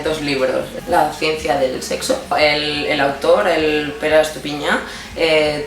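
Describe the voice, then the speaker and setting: Chatty thirty-year-old Spanish woman, roomy sound. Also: sits low. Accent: Spain Spanish. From Barcelona, Spain. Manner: chatty and playful, laughs often, hesitant fillers. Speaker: guest answering personal questions. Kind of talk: casual personal Q&A monologue.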